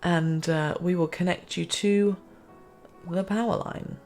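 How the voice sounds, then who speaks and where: A woman's voice: fairly low pitch, steady tone, takes it slowly, a little mellow, soft background music. A woman giving casual, self-mocking commentary as she plays a city-building game, chatting to herself and the game.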